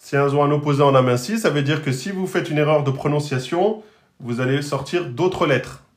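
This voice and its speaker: A man's voice: on the high side, a little fast. A man teaching an online lesson on Arabic letters, patiently repeating and drilling each pronunciation. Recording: roomy echo.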